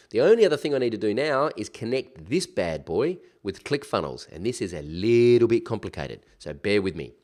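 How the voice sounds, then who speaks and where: A man with a nasal, blocked-up voice from a cold, like he has his nose pinched, giving a casual, chatty software tutorial with informal asides. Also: low-pitched. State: recovering from a cold. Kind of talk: casual screen-share tutorial.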